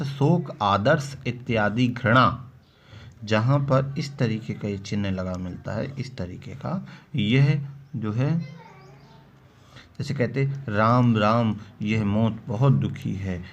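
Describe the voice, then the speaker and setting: Man teaching in a slow, patient way. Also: mid-range voice. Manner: explains slowly, quotes verse examples in a drawn-out recital; repeats key terms, asks and answers his own questions. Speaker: Hindi grammar teacher. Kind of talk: classroom-style lesson. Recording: dull lo-fi sound with faint background noise.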